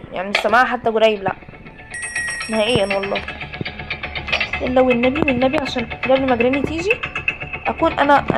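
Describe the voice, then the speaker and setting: A woman with an Egyptian Arabic accent giving chatty, jokey commentary on a horror game, often pleading with the game and talking to it. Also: fairly high pitch. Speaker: gaming YouTuber. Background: game music.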